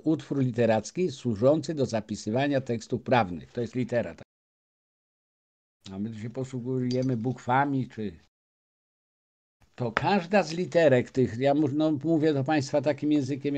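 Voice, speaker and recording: A man's voice: mid-range voice, warm tone. A man, speaking as a guest and lecturing an audience, with frequent restarts and filler sounds. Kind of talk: lecture-style talk to an audience.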